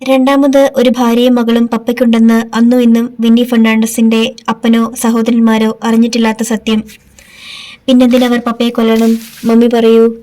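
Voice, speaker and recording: A woman voicing a young daughter who speaks quietly but firmly, accusing and defiant. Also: a little high, completely flat delivery, normal speed, lightly acted.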